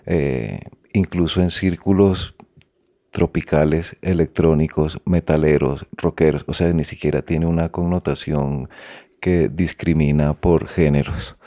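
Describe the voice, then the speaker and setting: A man with a faded Colombian Caribbean coastal accent, a guest author talking things over thoughtfully, pausing often on "eh". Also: very deep voice, fairly even intonation, mellow, no echo, studio quality. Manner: thoughtful, hesitant, many "eh" fillers. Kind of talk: reflective interview conversation.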